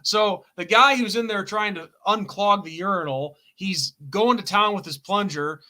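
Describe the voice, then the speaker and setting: Male co-host, high and bright-toned, rambling, self-correcting storyteller for a casual chat show. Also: normal speed, low-quality recording.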